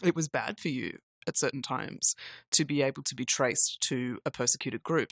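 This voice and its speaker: A woman's voice: a bass voice, no echo, studio quality. A middle-aged woman co-hosting a podcast, explaining her views in casual conversation. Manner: thoughtful, explanatory. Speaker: podcast co-host.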